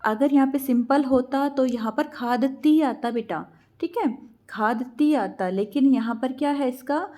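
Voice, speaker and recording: A woman teacher explains exam answers in a patient, step-by-step way. She poses questions and then answers them herself. Her voice is slightly high but mellow and soft. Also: normal speed, hardly any pauses. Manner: patient, asks and answers her own questions, calls students "beta".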